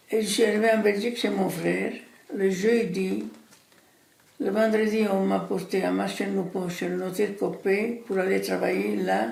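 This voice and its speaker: A woman in her eighties from Italy, speaking French with an Italian accent as her second language. She tells her story in halting, simple sentences and often repeats words. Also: medium pitch, gravelly, a little mellow, a little hiss or hum. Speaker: interviewee recounting her immigration. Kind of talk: personal storytelling. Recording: echoey room.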